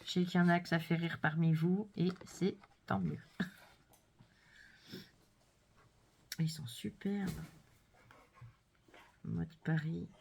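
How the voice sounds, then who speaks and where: A woman vlogger chatting casually and gushing softly as she unboxes crafts, sometimes dropping to a whisper. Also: fairly low pitch, steady tone, very slow, vocal fry, pauses often, a little hiss or hum. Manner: gushing, soft-spoken, drops to whispers. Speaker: scrapbooking vlogger.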